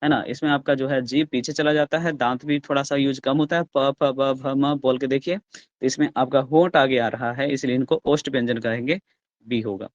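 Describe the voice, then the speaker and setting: Hindi grammar teacher sounding out letters. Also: male voice, mid-range voice, fairly even intonation, no room sound, dull audio. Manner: explains step by step, asks the class questions and answers them himself; sounds out letters slowly and loudly. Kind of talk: online class lecture.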